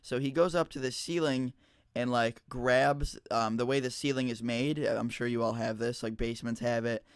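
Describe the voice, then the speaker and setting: A man's voice: medium pitch, fairly even intonation, normal speed, smooth, dry recording, clean studio sound. A teenage boy telling a school story to his viewers in a rambling, casual way with lots of fillers. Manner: rambling, chatty, frequent fillers and restarts. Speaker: YouTuber.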